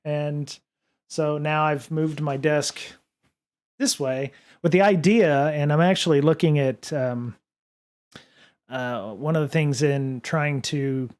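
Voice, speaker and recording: Slow and somewhat darkish, with a slightly high voice and fairly even intonation, this podcast and livestream host answers viewer comments on a relaxed stream. He speaks into a desk studio mic in his home studio, wandering off-track with frequent fillers and restarts.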